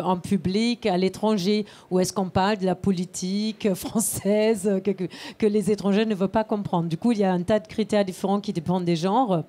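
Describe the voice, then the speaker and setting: A woman's voice: mid-range voice, mellow. A woman speaking as a panelist, explaining her professional criteria in an unscripted way. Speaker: panelist, international film and TV distributor.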